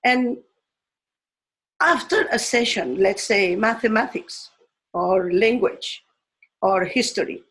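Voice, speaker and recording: A woman from Spain, a teacher giving a slow, thoughtful talk on education, pausing often and restarting her phrases. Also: medium pitch, a bit bright, poor audio. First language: Spanish.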